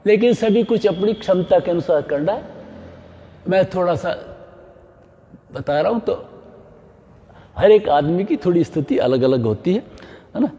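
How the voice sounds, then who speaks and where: Animated yoga teacher in a reverberant hall. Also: male voice, high voice, slightly rough, muffled recording. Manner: mixes English phrases into Hindi, frequent "है ना?" check-ins. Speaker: yoga instructor. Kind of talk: guided yoga class instruction.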